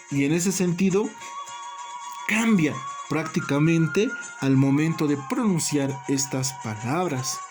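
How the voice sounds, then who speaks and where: This language teacher's mid-range voice has a darkish tone. The recorded lesson is delivered deliberately, with key terms repeated and the listeners called brothers and colleagues.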